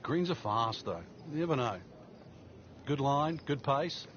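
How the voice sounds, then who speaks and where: A man working as a golf commentator, giving measured, explanatory analysis of the play. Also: mid-range voice, expressive, fairly bright tone. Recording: dull lo-fi game audio, faint noise.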